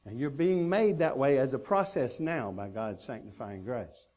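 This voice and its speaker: A man's voice: medium pitch, expressive, normal speed, a little mellow. A man preaching a sermon as pastor, earnest and emphatic, stacking repeated phrases.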